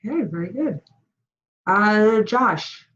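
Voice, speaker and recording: A woman's voice: mid-range voice, expressive, takes it slowly, a bit bright, dull audio, slight background noise. A woman instructor calling on students one by one during an online class. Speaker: course instructor. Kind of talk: online class roll call. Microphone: video call.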